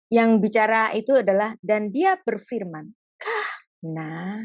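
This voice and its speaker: Woman, Bible teacher, explanatory lecture, casual asides, mid pitch, dry sound. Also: animated, normal speed, dry recording.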